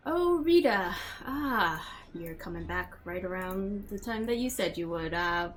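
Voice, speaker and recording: A woman's voice: on the low side, expressive, measured pace. A woman voicing a friendly female tavern bartender, cheerful and teasing.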